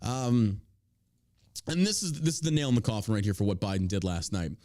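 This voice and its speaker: A man's voice: medium pitch, a little mellow. Emphatic, profane American male political commentator. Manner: opinionated, emphatic, heavily profane. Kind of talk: casual political commentary, reading out news and tweets.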